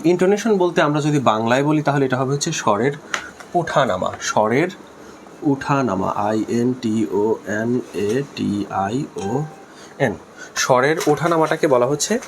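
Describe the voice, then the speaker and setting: A man with a Bangladeshi accent who teaches a linguistics lesson, explaining slowly, repeating key terms, spelling words aloud and mixing in English terms. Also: medium pitch, slight background noise. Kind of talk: spoken lesson.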